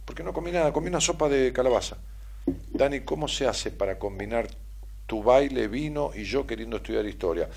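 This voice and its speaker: An Argentine man hosts a casual live stream and chats his way through listener messages. His voice is gravelly and somewhat husky, and he talks in a playful, teasing way. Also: mid-range voice, lively intonation, fairly quick, a little mellow. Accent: Argentine Spanish. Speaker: radio and stream host.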